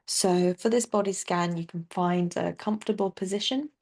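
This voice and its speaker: The voice belongs to a woman teaching a guided body scan, pitched fairly low and creaky, with fairly even intonation. She sounds tender and reassuring and pauses at length, never hurrying.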